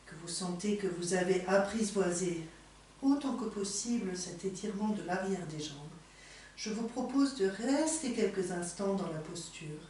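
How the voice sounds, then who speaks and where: A woman teaching yoga in a soothing, unhurried, gently encouraging manner, giving slow guided instructions. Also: mid-range voice, animated. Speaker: yoga teacher leading a morning class. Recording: echoey room, distant mic, faint noise.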